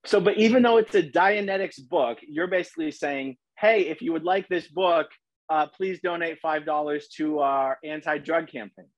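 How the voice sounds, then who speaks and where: A man's voice: fairly high pitch, normal speed, dry recording. Man asking probing follow-up questions. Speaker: host and interviewer. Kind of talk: conversational interview questions. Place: living room, on a leather couch, indoors. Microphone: video call, laptop camera mic.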